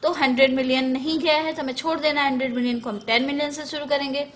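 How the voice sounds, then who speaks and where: A woman's voice: high voice, fairly even intonation, fast, fairly bright tone, a little hiss or hum. A woman teaching a math lesson in Hindi, going step by step through place values, often correcting herself and mixing in English number words.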